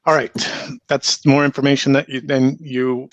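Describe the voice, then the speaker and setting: A man's voice: medium pitch, little pitch movement, moderate pace, dry recording, muffled recording. Man running a game, dry recording. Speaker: game master. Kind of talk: casual narration of a tabletop game.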